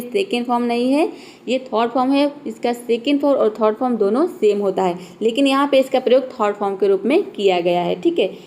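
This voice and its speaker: A woman's voice: fairly high pitch, a little mellow. A young woman, patiently explaining English words to viewers in a recorded lesson, spelling them out and repeating herself often. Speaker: English teacher.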